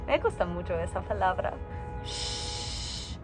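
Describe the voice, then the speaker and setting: Slow, tired woman learner vlogging. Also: on the high side, animated, over music. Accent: American English. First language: English. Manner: slow, searching for words, self-correcting, laughs often. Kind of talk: casual video diary.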